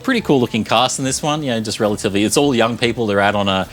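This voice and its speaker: A man's voice: medium pitch, rapid-fire, a bit bright. A man reviewing movies on a talk show, chatting about them with rambling enthusiasm. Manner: enthusiastic, rambling film chat. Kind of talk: casual chat. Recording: faint background noise.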